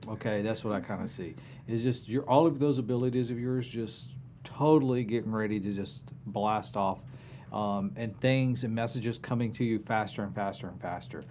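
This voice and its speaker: A man's voice: fairly low pitch, normal speed, a little mellow, slight background noise. A man co-hosting a casual live chat, giving a tarot reading in an easygoing, encouraging way. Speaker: co-host and tarot reader.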